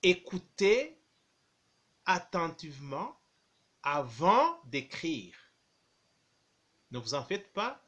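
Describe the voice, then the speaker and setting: A high-voiced man dictates as a primary school teacher would, at an extremely slow pace. He repeats each phrase in small chunks and speaks the punctuation marks out loud. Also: sing-song. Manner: dictating deliberately phrase by phrase, punctuation spoken aloud.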